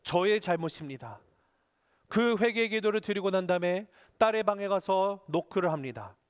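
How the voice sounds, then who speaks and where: A male pastor preaching a sermon, telling a story and slowing down earnestly to stress his points. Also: high voice, smooth.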